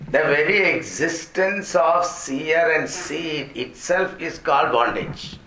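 A spiritual teacher with an Indian accent delivers an explanatory Vedanta discourse, repeating Sanskrit terms and glossing their meanings. His voice is a little high, slow-paced, pushed and bright. The room gives a noticeable echo, with faint noise in the background.

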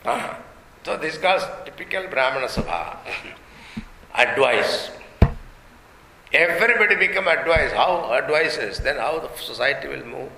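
Male spiritual teacher, Indian accent, slightly high and very forceful voice, explanatory discourse with humorous examples, recorded in a roomy, echoing space. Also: lively intonation, normal speed, gravelly, long pauses. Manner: switches between English and Hindi. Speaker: swami giving a spiritual teaching. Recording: roomy echoing hall, faint background noise.

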